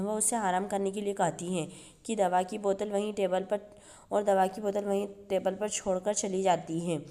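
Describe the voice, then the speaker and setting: A woman hosting her own channel, reading a TV serial episode recap in a steady read-through and reading the characters' dialogue in her own voice. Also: medium pitch. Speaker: YouTube channel host.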